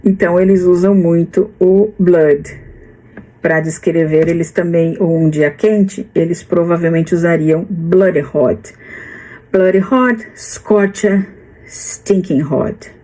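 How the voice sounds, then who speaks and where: A Brazilian woman in her fifties with a Brazilian Portuguese accent, talking slowly and hesitantly in a casual vlog, with many restarts. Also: lowish voice, fairly even intonation, dark tone, poor audio. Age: 50s. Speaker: vlogger.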